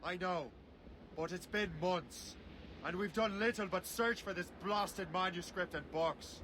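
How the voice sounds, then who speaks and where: A man's voice: sits high, a little slow, sharp tone, slight background noise, rough recording. An actor playing Shay, a young male sailor and assassin, speaking bluntly and grimly in a video game cutscene. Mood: uneasy. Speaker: game protagonist.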